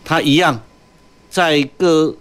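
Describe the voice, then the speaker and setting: A man with a Taiwanese Mandarin accent explains as an interview guest, in halting short phrases dotted with sentence particles. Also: on the high side, a bit bright, clear, resonant tone. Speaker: guest, port company executive.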